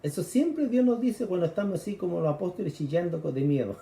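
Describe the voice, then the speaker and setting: A man's voice: high-pitched, lively intonation, quick pace, creaky, warm tone, roomy sound. A man with a Chilean accent preaching a sermon, explaining scripture conversationally and acting out the cries of frightened people. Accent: Chilean Spanish.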